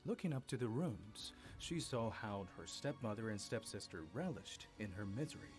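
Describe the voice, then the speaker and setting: A man telling a dramatic family story as narrator, with a steady storytelling delivery. His voice sits on the low side, and his pitch moves in lively arcs to carry the tension. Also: normal speed, music in the background.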